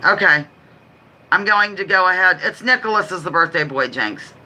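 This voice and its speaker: Bright, fast-talking woman quiz host. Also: lowish voice, lively intonation, a little hiss or hum, poor audio. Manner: chatty, rambling, apologetic asides between questions; talks quickly. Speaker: livestream host running a trivia quiz. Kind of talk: casual live chat with read-out quiz questions.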